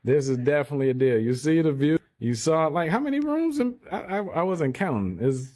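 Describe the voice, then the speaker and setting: A man with a dark, mellow voice walks viewers through a house in an easy, chatty way. He sounds admiring and relaxed, addressing his audience directly. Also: fairly high pitch, a little fast. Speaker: home tour vlogger. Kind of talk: casual walkthrough chat.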